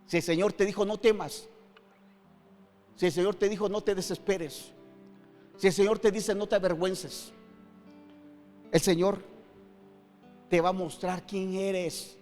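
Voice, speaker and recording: A middle-aged man preaching a sermon as pastor, emphatic, swinging between loud and hushed with many rhetorical questions. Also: high voice, fairly even intonation, a little slow, long pauses. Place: church hall. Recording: long hall reverb with faint guitar.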